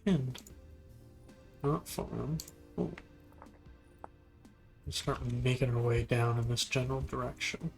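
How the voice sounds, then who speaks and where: A man giving relaxed, musing commentary while playing a video game, now and then talking to things on screen. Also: mid-range voice, takes it slowly, gravelly, long pauses, faint music behind. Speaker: gameplay video host. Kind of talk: casual gameplay commentary.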